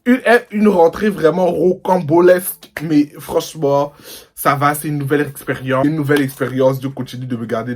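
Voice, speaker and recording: A young man from the Paris suburbs telling a slangy, animated storytime to his viewers. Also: on the high side. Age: young adult. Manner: animated and slangy, mimics people. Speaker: vlogger. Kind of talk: storytime vlog.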